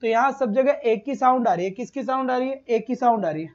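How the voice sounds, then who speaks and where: Over slightly dull, lo-fi stream audio, a male teacher talks fast through a live online exam-prep lesson. His voice is very high with a darkish tone. He calls his students "beta," repeats each answer and throws in rhetorical questions.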